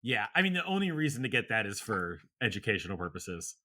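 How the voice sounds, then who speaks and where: A man's voice: lowish voice, big pitch swings, quick pace, pushed and bright. A man co-hosting a podcast in casual chat, laid-back, laughing often and trailing off with fillers. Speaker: podcast co-host.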